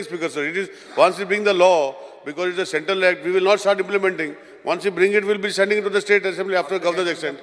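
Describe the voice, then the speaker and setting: A man with a Goan accent moving a bill in a legislative debate, rapidly and repeatedly addressing the Speaker, mixing Konkani and English. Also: high-pitched, a bit bright. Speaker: state minister moving a bill. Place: legislative assembly hall. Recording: long hall reverb.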